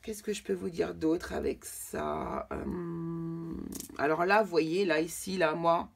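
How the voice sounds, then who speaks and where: A woman's voice: lowish voice, expressive, slow pace, creaky. A woman giving a casual tarot reading to camera, chatting directly with her viewers. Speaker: tarot card reader.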